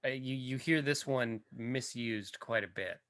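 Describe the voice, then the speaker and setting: A man's voice: medium pitch, a little slow, a bit bright, no room sound. A man co-hosting a podcast in casual chat, making dry, wry comments. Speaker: podcast co-host.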